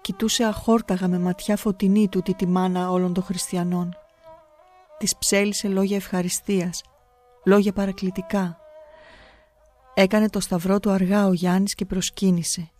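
A woman's voice: medium pitch, level tone, mellow, faint music behind. Solemn woman narrating an audiobook. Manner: solemn, measured reading.

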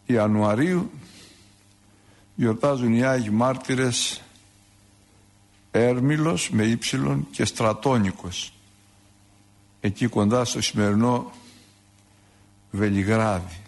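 A male priest giving a sermon on saints' lives, in a conversational way with asides and rhetorical questions. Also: fairly low pitch.

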